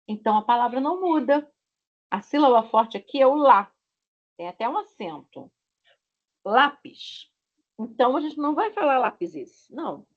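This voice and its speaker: A woman, teaching Portuguese in an online lesson, explaining slowly and patiently with repeated examples over a video call. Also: fairly high pitch. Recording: dull lo-fi video call audio.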